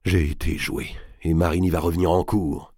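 A man's voice: deep voice, little pitch movement, normal speed, a little mellow, breathy edge, no room sound, studio quality. A man reading aloud and voicing a scheming middle-aged royal uncle, blustering and pleading. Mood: bitter.

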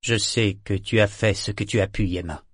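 Man doing a smug pirate captain, lowish voice, cool and curt, dry close mic. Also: steady tone, normal speed, slightly rough, no echo.

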